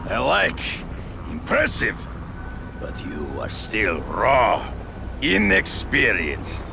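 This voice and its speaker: An actor playing a proud, menacing Russian hunter in a video game, gravelly and theatrical, with a condescending manner. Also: male voice, fairly low pitch, wildly swooping pitch, exaggerated voice. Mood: menacing, appraising. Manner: slow, theatrical, imperious. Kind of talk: video game cutscene acting. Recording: loud music behind.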